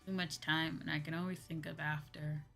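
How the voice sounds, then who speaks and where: This livestream host has a deep, creaky voice that sounds pushed and bright, delivered flatly at normal speed. She chats in a casual, hesitant way, repeating phrases often, with music in the background.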